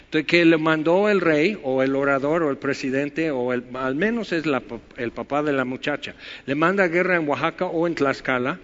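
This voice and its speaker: A man's voice: on the high side, fairly bright tone. A Mexican man with a Mexican Spanish accent, preaching a conversational sermon full of rhetorical questions and wry asides. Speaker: pastor. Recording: muffled with long hall reverb.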